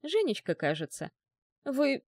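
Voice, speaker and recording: A woman's voice: high-pitched, wildly swooping pitch, a little slow, a little mellow, no room sound, clean studio sound, pitched above the performer's own voice, exaggerated voice. A woman voicing a cold, mocking, menacing man who makes threats.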